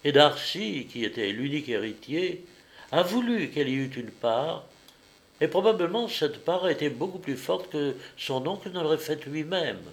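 A man's voice: fairly high pitch, animated, normal speed, vocal fry, voice pushed up. Effusive society lady, man reading, emphatic and admiring, audiobook.

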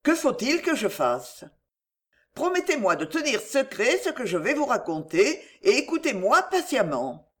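A woman's voice: on the high side, big pitch swings, measured pace, pitched above the performer's own voice. A reader voicing a pleading young woman. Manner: pleading, anguished. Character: distressed young woman, nearly a girl.

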